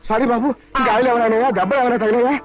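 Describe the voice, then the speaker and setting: A fretful apologetic car owner. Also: male voice, very high voice, fairly even intonation, rapid-fire. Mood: pleading. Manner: fretful, pleading and overly polite. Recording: muffled old film soundtrack with music.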